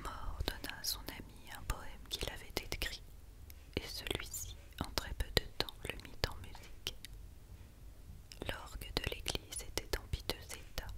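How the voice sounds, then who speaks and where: A woman reads a Christmas story as ASMR in a breathy, unvoiced whisper, hushed and quiet as if at night. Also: measured pace. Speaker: ASMR reader.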